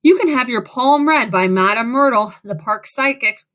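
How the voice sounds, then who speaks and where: A woman's voice: on the high side, animated, moderate pace, fairly bright tone. A woman reading a first-person audiobook in a wry, sarcastic way. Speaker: audiobook narrator.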